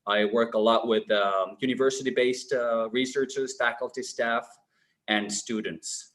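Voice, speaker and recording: A man's voice: mid-range voice, steady tone, unhurried, a bit bright. A man from Finland who heads a business incubator talks on an online panel. He speaks fluently and with enthusiasm. He is on a video call. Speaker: head of a business incubation center. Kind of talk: answering on a webinar panel.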